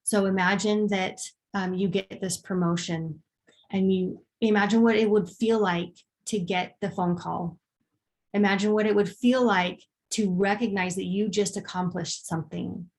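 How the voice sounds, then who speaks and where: A woman talks through a personal growth workshop at an easygoing pace. Her voice sits in an ordinary middle range, and she fills her explanations with ums and quick acted examples. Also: medium pitch, fairly even intonation, darkish tone. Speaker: workshop presenter. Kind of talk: casual workshop talk.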